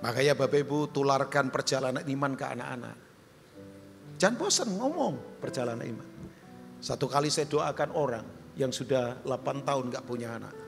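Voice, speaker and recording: A male pastor preaching a sermon, animated and humorous, jumping high for questions and quoted voices and dropping low and soft for appeals. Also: brisk, vocal fry, soft background music. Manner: humorous storytelling with asides to the congregation. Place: large church hall. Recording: long hall reverb.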